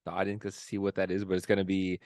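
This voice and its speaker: Joking laid-back podcast co-host, low voice. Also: male voice, monotone, racing, darkish tone, dry recording, clean studio sound. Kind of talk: casual chat.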